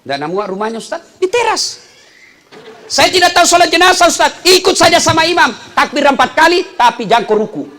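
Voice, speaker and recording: A middle-aged man, preaching a humorous sermon to a congregation, telling stories and swinging between loud calls and low asides. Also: very animated, fairly quick.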